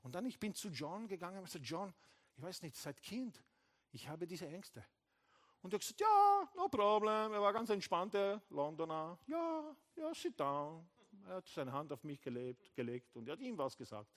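A man preaching as pastor in a church hall speaks at normal speed in a slightly high voice. His sermon is animated, with acted-out mini dialogues and English phrases mixed into the German.

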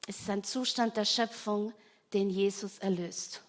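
A woman's voice: mid-range voice, steady tone, measured pace. Earnest woman preaching a sermon. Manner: earnest, emphatic, addresses listeners directly.

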